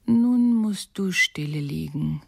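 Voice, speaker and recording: A woman's voice: lowish voice, animated, takes it slowly, creaky, no echo, studio quality, full character voice. A woman voicing a wild, fierce little robber girl in a storybook, blunt and teasing, at times whispering.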